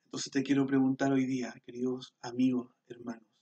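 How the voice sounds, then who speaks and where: A male pastor, preaching and praying earnestly, repeating his phrases and often dropping to a soft hush. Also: medium pitch, level tone, brisk, distant mic, lo-fi sound. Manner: earnest, repetitive and prayerful, often softening to a hush. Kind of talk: sermon.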